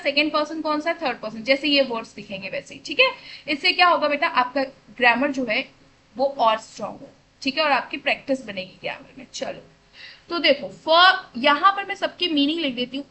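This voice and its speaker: High bright teacher lady explaining grammar to kids, keeps asking and answering her own questions. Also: poor audio. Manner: repeats questions and answers to children, calls them beta. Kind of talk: classroom lesson explanation.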